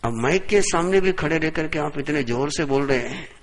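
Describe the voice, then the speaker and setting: A man giving a sermon as a monk, speaking softly into a close microphone in a lecture hall and putting rhetorical questions to the audience. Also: a little high, normal speed. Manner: soft-spoken, asks the audience rhetorical questions. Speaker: Jain monk giving a discourse.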